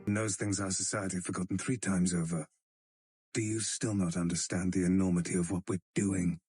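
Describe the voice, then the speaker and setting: A man voicing a solemn zealot with a flat, grave delivery. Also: low-pitched, brisk, no echo, clean studio sound, faint music behind.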